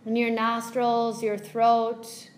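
Leading a guided meditation, a female yoga teacher talks gently and soothingly in measured phrases with lengthy pauses. Her voice is fairly high and monotone, and there is slight background noise.

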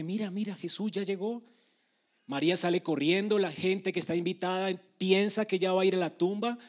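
A man preaching a sermon, emphatic, moving between hushed passages and loud, urgent ones. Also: fairly high pitch.

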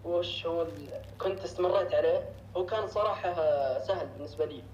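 A man's voice: high-pitched, fast talker, darkish tone. A man calling in to ask for advice, speaking hesitantly and checking in with short questions. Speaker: caller asking for advice. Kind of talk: casual chat. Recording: dull lo-fi call with faint noise.

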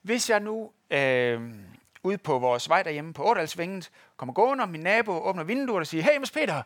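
A man's voice: high voice, expressive, fairly bright tone, dry recording, clean studio sound. A man preaching a sermon to a congregation, telling stories and addressing listeners directly. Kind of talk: sermon with a live demonstration. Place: church in front of a congregation.

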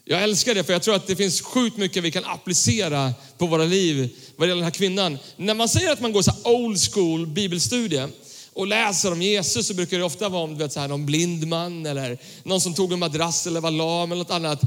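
A young male pastor preaching a casual sermon, reading scripture and talking in a relaxed, slangy way to his congregation. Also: high voice. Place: church hall. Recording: church hall with long reverb.

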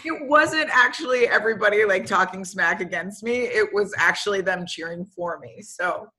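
A woman with a bright, forceful voice recounts her coaching days in a relaxed interview. She tells her stories with energy and slips into the voices of the people she quotes. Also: mid-range voice, normal speed. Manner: animated, acts out quoted dialogue. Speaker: football coach. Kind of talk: casual interview storytelling.

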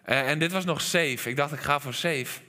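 A Dutch man preaching a sermon as pastor, animated, dropping to quiet lines and sometimes shouting. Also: on the high side, moderate pace. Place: church hall. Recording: long reverb of a church hall.

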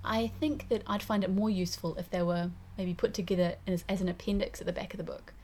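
A woman's voice: mid-range voice, fairly even intonation, quick pace, dark tone, slight background noise. A woman with a New Zealand accent co-hosting a podcast, giving frank, opinionated opinions in casual chat. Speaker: podcast co-host.

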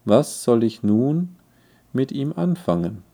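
A man's voice: mid-range voice, very animated, slow, warm tone, voice pushed up, exaggerated voice. A man reading the part of a suspicious, angry king who speaks in a wrathful, emphatic way.

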